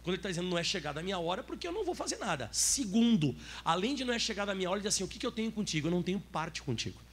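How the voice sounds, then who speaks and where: A pastor with a Brazilian Portuguese accent preaches a lively sermon, asking the audience questions. His voice is high-pitched and husky, and he speaks very fast.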